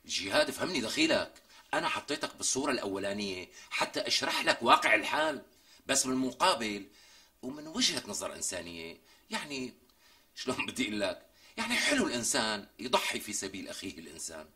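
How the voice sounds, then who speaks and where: A theatrical comic braggart. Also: male voice, medium pitch, huge pitch swings, gravelly, bright, forceful tone, roomy sound, full character voice. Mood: earnest. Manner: theatrical, exaggerated, drawn-out emphasis. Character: boastful man mocking a woman, melodramatic. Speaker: comic sketch character. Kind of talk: TV sketch comedy acting.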